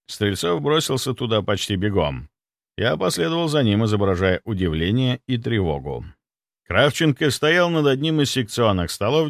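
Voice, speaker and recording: Male audiobook narrator, tense and wry, very expressive pitch, dry close recording. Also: no echo. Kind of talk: first-person audiobook narration.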